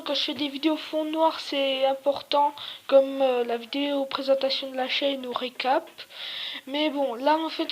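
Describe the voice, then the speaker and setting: High voiced youngster-style gamer chatting casually, sore throat, kinda rambling and unsure. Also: slight background noise, poor audio. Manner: hesitant, rambling. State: sore throat, slightly ill. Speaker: video creator, host. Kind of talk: casual gaming commentary.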